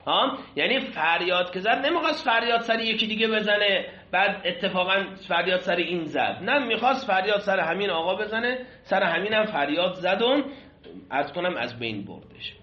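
A man's voice: high-pitched, lively intonation. A man teaching a seminary class on Islamic law, explaining a classical text and putting questions to his students. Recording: echoey room, dull lo-fi sound.

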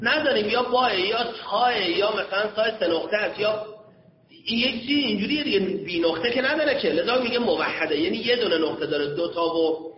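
High-voiced male teacher in an echoey hall. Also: animated. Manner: checks understanding with frequent questions to students; reads Arabic phrases slowly, then explains them. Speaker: seminary teacher. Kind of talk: classroom lecture explaining an Arabic text. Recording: echoey hall, dull lo-fi sound.

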